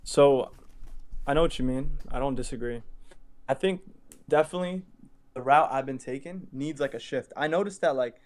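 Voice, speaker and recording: A man's voice: mid-range voice, normal speed, pauses often, a little mellow. A young man in casual chat as a content creator, blunt and emphatic, repeating himself for stress.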